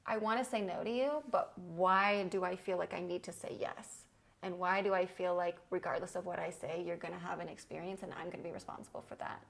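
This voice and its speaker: Candid woman with a gravelly edge. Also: lowish voice, brisk, poor audio. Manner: candid, animated, acts out her inner voice. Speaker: podcast host. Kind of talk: casual conversation.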